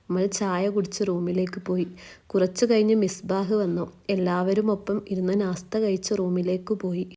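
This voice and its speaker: Calm woman storyteller, mellow voice. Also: fairly low pitch, normal speed. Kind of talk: storytelling narration.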